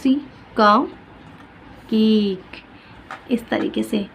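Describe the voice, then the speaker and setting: A woman teaching phonics, sounding out each letter slowly and carefully. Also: mid-range voice, gravelly, slight background noise, poor audio. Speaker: teacher making kindergarten worksheets.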